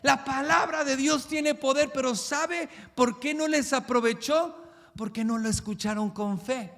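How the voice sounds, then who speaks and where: A man's voice: very high-pitched, gravelly, a bit bright. Man, pastor, sermon, rhetorical questions, long church-hall reverb. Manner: emphatic, rapid-fire rhetorical questions.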